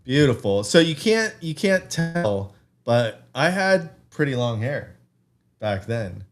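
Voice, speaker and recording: A man co-hosting a casual fan podcast, thinking out loud with fillers and laughing at himself. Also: medium pitch, big pitch swings, slow pace, soft background music. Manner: rambling, self-amused, thinks aloud with many fillers. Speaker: podcast co-host. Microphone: desk mic with camera, streaming live.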